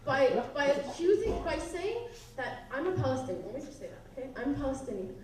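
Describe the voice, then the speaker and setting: A woman's voice: sits high, very animated, fairly quick. A woman student challenging a speaker at a campus question session, insistent and pushing back. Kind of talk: heated campus Q&A debate. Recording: very echoey hall, far from mic, audience.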